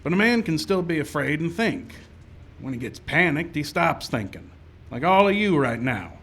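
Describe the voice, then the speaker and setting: Man acting frontier marshal, fairly high voice, measured, skeptical, authoritative, live radio western. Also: big pitch swings, fairly bright tone, slightly rough, exaggerated voice. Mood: stern. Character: calm, skeptical, firm frontier town marshal.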